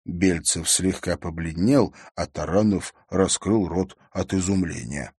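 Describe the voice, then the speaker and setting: A man narrating an audiobook with expressive storytelling. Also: deep voice, a little slow, slightly rough, no room sound, studio quality. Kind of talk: scripted narration.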